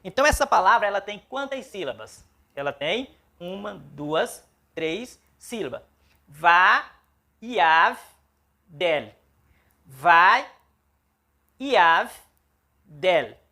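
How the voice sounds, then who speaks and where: A man's voice: sits high, creaky, pushed and bright. A man, a pastor teaching a biblical Hebrew lesson, patiently spelling out syllables and checking in with "ok?". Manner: patient, checks understanding with frequent "ok?"; spells out syllables slowly and repeats them. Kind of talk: classroom-style language lesson.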